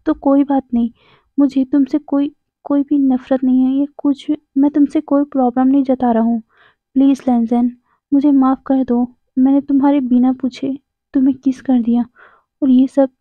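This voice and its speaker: A woman's voice: high-pitched, flat delivery, normal speed, dry recording. A woman voicing an anxious young man who pleads and apologizes, often stammering, in a storybook reading. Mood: pleading. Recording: tinny phone-like dry sound.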